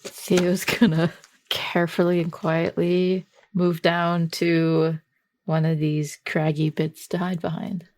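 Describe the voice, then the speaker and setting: A woman's voice: on the low side, little pitch movement, slow, a little mellow. A woman playing a tabletop role-playing game, casually improvising her character's actions and asking questions. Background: background music.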